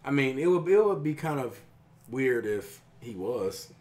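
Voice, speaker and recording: Podcast co-host, male, measured and hesitant explainer, varied intonation. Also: medium pitch, lively intonation, darkish tone, a little hiss or hum. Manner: thoughtful, hesitant, many fillers, explains points. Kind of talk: casual chat.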